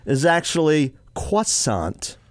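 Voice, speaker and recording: A man co-hosting a radio show in casual chat, chatty and quick to laugh, often tripping over his words. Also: a little high, sing-song, no echo. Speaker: radio co-host.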